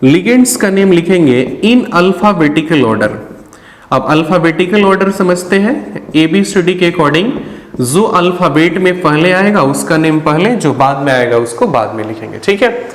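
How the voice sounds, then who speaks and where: A man giving a patient, explanatory chemistry lecture for an online class, often pausing to check that students are following. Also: fairly high pitch, animated. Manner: patient, explanatory, ends phrases with a checking "ठीक है". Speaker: chemistry teacher. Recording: roomy with a long reverb tail.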